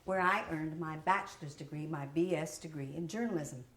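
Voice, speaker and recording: A woman in her sixties performing a one-woman stage show, telling her story in a wry, expressive way. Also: low-pitched, a little fast. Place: theater stage. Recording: roomy theater with faint hiss.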